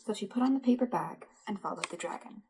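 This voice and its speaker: A woman, a church religious education director, reading a children's story aloud in a lively, animated way. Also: mid-range voice, fast, slight background noise, rough recording.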